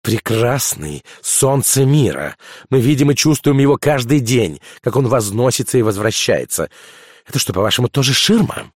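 A man's voice: mid-range voice, lively intonation, normal speed, breathy edge, dry recording, studio quality, pitched above the performer's own voice. A man voicing a cheerful, curious male official who exclaims readily, in an audiobook. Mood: indignant. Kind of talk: audiobook character voice.

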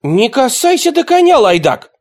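A man's voice: very high voice, normal speed, vocal fry, darkish tone, pitched above the performer's own voice. A man doing a hot-tempered, dramatic nobleman. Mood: indignant. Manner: exclaiming, dramatic.

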